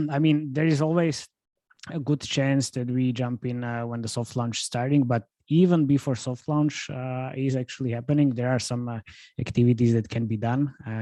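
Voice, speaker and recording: Mellow Slovak-accented man, chatty. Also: medium pitch, dry recording. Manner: chatty, laughs easily, many "uh" pauses. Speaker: guest, user acquisition consultant. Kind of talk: casual podcast interview. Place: home room used as office.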